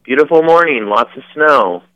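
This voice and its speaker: A man's voice: medium pitch, animated, moderate pace, highs cut off. A man calling in over the phone as a musician guest, chatting in an easygoing way and laughing easily. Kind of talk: casual chat.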